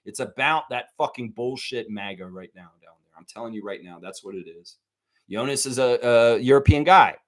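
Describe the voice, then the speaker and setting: A man's voice: mid-range voice, lively intonation, moderate pace. A man hosting a live sports talk stream, ranting heatedly and swearing a lot while speaking straight to his viewers. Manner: profane, heated, repetitive ranting; addresses viewers directly.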